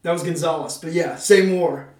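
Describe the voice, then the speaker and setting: His voice is on the high side and a little mellow, delivered at a moderate pace. As host of a podcast, he mixes semi-scripted narration with playful, casual joking and theatrical wording, all picked up by a distant microphone in an echoey room.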